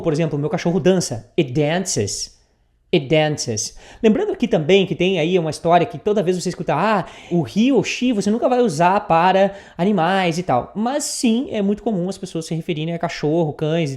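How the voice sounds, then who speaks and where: Brazilian woman teaching english basics, lowish warm voice, lots of tá and né. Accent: Brazilian Portuguese. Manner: drills phrases slowly, has the learner repeat, peppers with "tá?" and "né?". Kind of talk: beginner English lesson.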